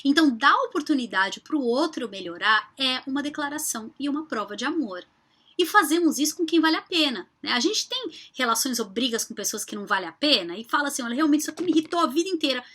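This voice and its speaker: A high, bright woman therapist talking straight to her viewers in a casual vlog. Her pitch swings widely as she drives her points home with rhetorical questions. She keeps calling her audience affectionate pet names. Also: animated, a little fast. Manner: affectionate, addresses viewers as "amores".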